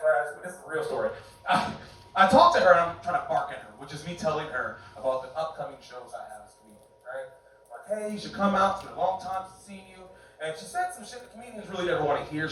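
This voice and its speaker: A man performing a stand-up comedy set, animated and jumping into high voices for his bits. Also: heavy reverb, far from the mic, a little hiss or hum, low-quality recording. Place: comedy club stage. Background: audience laughter.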